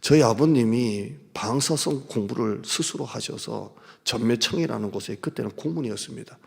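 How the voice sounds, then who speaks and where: A middle-aged man from South Korea preaching a revival sermon, swinging from loud appeals to hushed whispers. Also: mid-range voice, moderate pace, vocal fry, husky. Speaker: pastor. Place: large church sanctuary. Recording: long church hall reverb.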